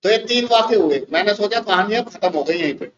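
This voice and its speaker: A man with an Indian accent, a teacher telling a lively anecdote to his class in a classroom. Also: sits high, fast, dull audio, a little hiss or hum. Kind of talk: classroom storytelling.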